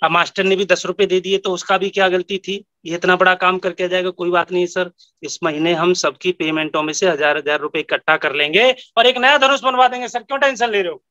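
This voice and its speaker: A man voicing a calm male school principal who placates everyone. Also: high-pitched, brisk, no room sound, dull audio. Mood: placating. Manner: placating, soothing.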